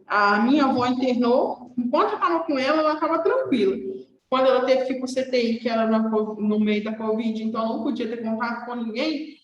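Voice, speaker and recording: A young woman with a high voice gives a nursing lecture in a loose, conversational way, checking in with her class as she goes. Her voice rings in an echoey room. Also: fairly quick, highs cut off, a little hiss or hum. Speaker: nursing teacher.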